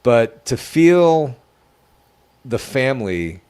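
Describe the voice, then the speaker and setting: A guest paranormal investigator chats casually, telling stories extremely slowly in a very animated way, repeating words and stumbling in an emphatic, stammering manner. His mid-range voice is clean with a darkish tone.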